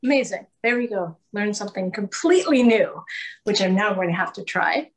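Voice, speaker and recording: A woman's voice: medium pitch, lively intonation, brisk. A woman hosting an online cooking event on a video call, upbeat and encouraging. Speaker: host. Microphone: laptop webcam, video call.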